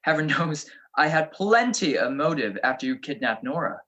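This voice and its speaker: An actor playing a self-assured, witty private detective, wry and confident, in an old-time radio drama style. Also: male voice, on the high side, big pitch swings, moderate pace, pushed and bright, highs cut off. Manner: wry, explaining deductions with cool confidence.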